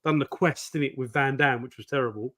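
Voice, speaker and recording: A man's voice: mid-range voice, brisk, a bit bright. A man in casual chat on a comics stream, swearing and saying "listen" and "mate".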